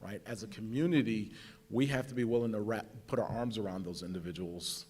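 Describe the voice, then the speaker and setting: A man's voice: fairly low pitch, brisk, a little mellow, slightly rough. A man speaking as a panelist at a public discussion. He talks in an earnest way, often repeats words and ends points with "right?". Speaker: panelist sharing lived experience.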